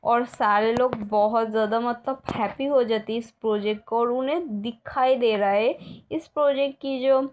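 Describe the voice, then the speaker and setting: Young woman, casual story narration, chatty with fillers, higher-pitched voice, dull lo-fi recording. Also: moderate pace. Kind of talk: casual storytelling of a fan fiction.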